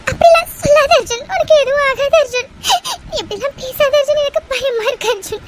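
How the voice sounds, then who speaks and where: In a melodramatic Tamil audio drama, a woman with a very high, slightly fast voice plays a distraught, devoted young woman weeping over her injured beloved. She pleads tearfully, begging again and again in desperate devotion. The noisy recording has clicks.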